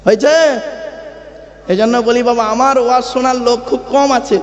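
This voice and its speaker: A man's voice: extremely high pitch, steady tone, a little fast, muffled recording. A man preaching, teaching correct Quranic pronunciation by chanting verses and quizzing his listeners. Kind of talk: sermon. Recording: long echoey reverb of a large venue.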